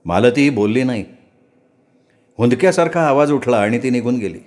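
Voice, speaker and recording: Measured male storyteller. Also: medium pitch. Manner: measured, expressive narration. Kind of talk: Marathi story reading.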